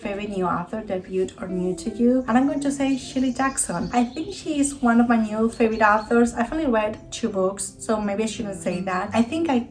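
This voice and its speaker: Brisk and barely pausing, a woman from Spain with a Spanish accent talks up books in a casual vlog review, often stopping to correct herself. Her voice sits on the high side and sounds a little mellow. Soft music plays in the background, and the audio quality is poor.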